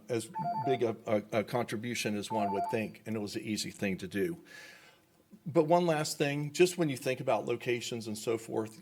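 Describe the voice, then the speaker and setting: Speaking in a mid-range voice, a man addresses a government meeting's public comment period on behalf of developers, eagerly rambling and repeating himself.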